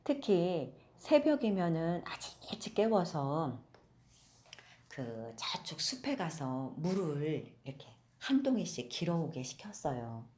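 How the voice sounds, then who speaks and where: A woman storyteller reads a children's fairy tale in a gentle, conversational way and often pauses to ask her young listeners questions. Her voice sits a little low, but her pitch moves a lot and keeps the telling lively. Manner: gentle, asks listeners questions, many fillers.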